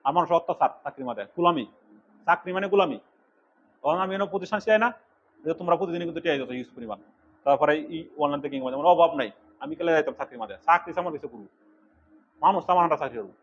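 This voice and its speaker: A middle-aged man from Bangladesh lectures his computer class at a rapid clip, his voice sitting fairly high. He scolds and urges the students in turn. The recording is dull and lo-fi. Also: lively intonation, slight background noise. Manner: fast, scolding and exhorting. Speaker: computer course instructor.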